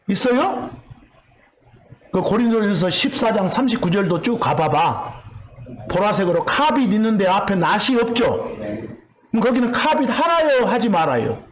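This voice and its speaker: A man's voice: very high-pitched, a little hiss or hum. A man preaching with a Jeolla accent, teaching from the pulpit and quizzing the congregation with repeated questions. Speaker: pastor. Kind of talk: teaching sermon. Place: church sanctuary. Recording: echoey church hall.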